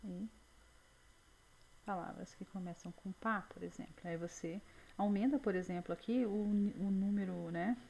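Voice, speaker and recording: A woman teaching a screen-recorded software tutorial in a chatty way, full of diminutives and check-ins with the viewer. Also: medium pitch, steady tone, measured pace, vocal fry, a little hiss or hum, poor audio.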